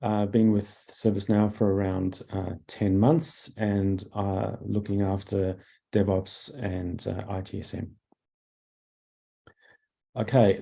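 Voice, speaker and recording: Speaking into a desk mic, a man presents an online product webinar as product manager, his somewhat low, mellow voice croaky from a cough. His delivery is halting and packed with "uh" and "um," and he keeps clearing his throat.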